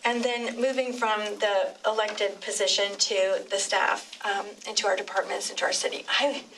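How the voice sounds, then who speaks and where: A middle-aged woman city commissioner giving an unscripted, emotional tribute at a public meeting, halting and digressive with many restarts. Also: mid-range voice, level tone. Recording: distant mic with clear room noise.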